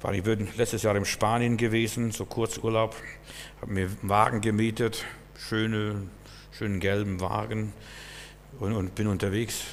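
A man preaching as a pastor, shifting between loud fervent outbursts and quiet, personal storytelling, with frequent repeated words and restarts. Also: on the low side, flat delivery, normal speed, in a large hall, a little hiss or hum. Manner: impassioned, swings from loud exclamations to quiet storytelling. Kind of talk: sermon.

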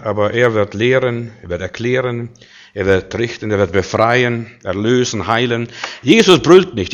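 A man preaching a sermon, emphatic and full of rhetorical questions, moving between loud declarations and quiet asides. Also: medium pitch, dull audio.

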